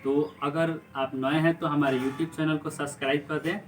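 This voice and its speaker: A man gives an English pronunciation lesson in Hindi, spelling letters slowly and quizzing his viewers. His voice sits slightly high. He is picked up from a short distance from the mic, with faint noise underneath. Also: little pitch movement. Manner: repetitive quiz-style questions, slow spelled-out letters. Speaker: English teacher.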